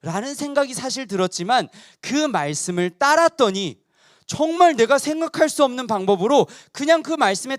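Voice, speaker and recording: A man telling a Bible story at a children's service, drawing the kids in with questions. His voice is very high and swings widely in pitch. The sound is dry and close. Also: no echo. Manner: animated, asks children questions. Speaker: preacher for children.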